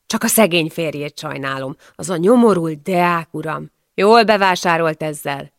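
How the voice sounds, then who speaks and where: A woman's voice: low-pitched, no room sound, clean studio sound. A woman reading the part of a blunt 18th-century male healer who questions his patients curtly. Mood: scornful. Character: brusque man, an 18th-century village healer.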